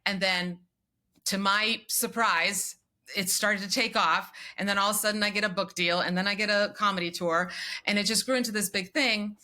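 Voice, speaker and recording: Bright-voiced Croatian-born woman in her forties. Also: medium pitch, steady tone. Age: 40s. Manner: brisk and self-deprecating, laughs often. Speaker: podcast guest. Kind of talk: candid interview storytelling.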